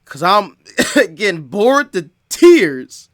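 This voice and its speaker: A man's voice: high voice, big pitch swings, slow. A male streamer making sarcastic, mocking asides while watching a show. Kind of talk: casual stream commentary.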